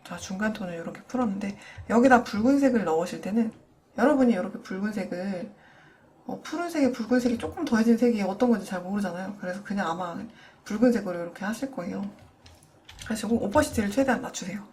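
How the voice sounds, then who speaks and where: A young adult woman narrates a screen-recorded drawing tutorial and explains color techniques step by step. Her voice sits at an ordinary middle pitch and stays patient as she speaks straight to her viewers. A faint hiss runs under the recording. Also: expressive, fast talker, a little mellow. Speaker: digital painting instructor.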